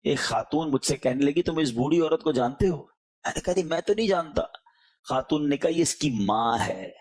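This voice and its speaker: Pleading Pakistani preacher man, lively voice. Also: fairly high pitch. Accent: Pakistani Urdu. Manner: emotional, pleading, swings between loud and hushed. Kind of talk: sermon.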